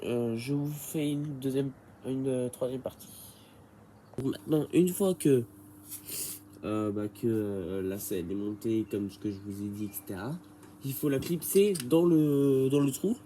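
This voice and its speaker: A man with a head cold, who makes bike repair tutorials, explains a repair casually, hesitating and rambling with plenty of fillers and restarts. His mid-range voice is warm and measured in pace, with slight background noise.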